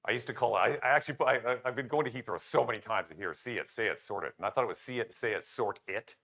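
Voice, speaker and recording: An older man giving a conference talk, lively and jokey, acting out the remarks of others and poking fun at himself. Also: mid-range voice, quick pace. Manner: animated, jokey, self-deprecating, acts out quoted remarks. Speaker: conference speaker.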